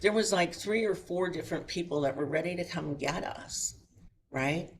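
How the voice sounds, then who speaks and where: A middle-aged woman giving a spiritual lecture in a chapel, telling a personal story with lively voices and rhetorical questions to the audience. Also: lowish voice, moderate pace. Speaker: guest speaker at a chapel. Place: chapel hall before an audience.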